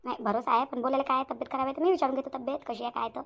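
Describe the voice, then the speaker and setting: A woman voicing a suspicious high-voiced young wife. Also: steady tone, rapid-fire, creaky, slight background noise. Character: suspicious young wife grilling her husband. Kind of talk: cartoon voice acting.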